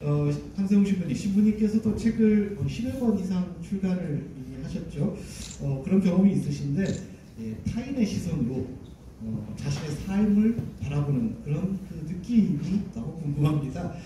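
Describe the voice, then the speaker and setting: A man's voice: high-pitched, lively intonation, normal speed, background noise. A man moderating a book launch event, asking formal questions politely and deferentially. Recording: echoey hall from far off.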